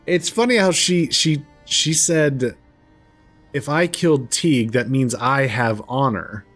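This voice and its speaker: A man giving casual gameplay commentary, thinking aloud in a halting, amused way. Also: mid-range voice, a bit bright, faint music behind. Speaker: gamer, let's player.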